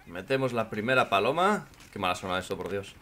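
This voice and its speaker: A man from with a hoarse voice, commenting on his own gameplay in casual chat, joking and swearing a lot. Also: fairly low pitch, very animated, fairly quick, a little hiss or hum. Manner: swears a lot and jokes, shouts when in danger.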